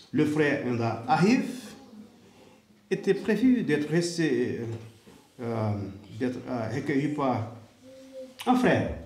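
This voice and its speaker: A man's voice: fairly high pitch, darkish tone. A man preaching a sermon as a dramatic story, repeating his words for effect. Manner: dramatic, repetitive, voices the characters. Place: church hall. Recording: echoey hall with faint noise.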